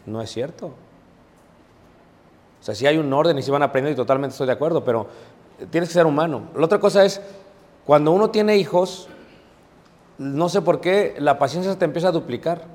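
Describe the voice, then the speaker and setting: A man's voice: a little high, fairly quick, darkish tone. A man preaching a conversational Bible class, informal, with many fillers and check-ins to the audience. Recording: long reverb of a large room.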